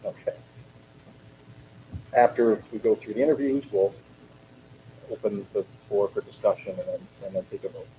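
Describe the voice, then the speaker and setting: Low-voiced man chairing a board meeting. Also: normal speed, long pauses, slight background noise, poor audio. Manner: procedural, steady, with small restarts. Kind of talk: running a public meeting. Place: meeting room at a board table.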